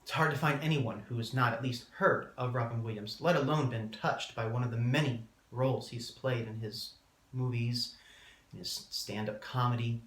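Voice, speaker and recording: A man delivering a prepared eulogy as a speech, solemn and measured, with deliberate pauses. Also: mid-range voice, steady tone, fairly bright tone. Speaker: student speaker giving a eulogy. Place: indoor room, public speaking class. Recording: roomy, echoing room sound.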